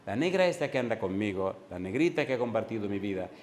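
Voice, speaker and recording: A man's voice: fairly low pitch, animated, slight background noise. Preaching man in an echoey church. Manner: preaching with sudden loud rises and slow emphatic drops. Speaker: pastor. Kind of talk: sermon.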